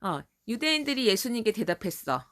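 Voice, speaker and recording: A woman's voice: a little high, big pitch swings, brisk, fairly bright tone. A woman retelling a story to a child in a playful, chatty way, often asking questions.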